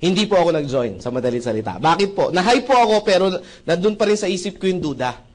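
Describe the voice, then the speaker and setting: A man's voice: sits high, fast talker. A young man from the Philippines telling a live audience his story, acting out quotes and often asking the crowd for agreement. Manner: animated, acts out quotes, asks the audience "right?". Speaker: speaker giving a testimony to an audience.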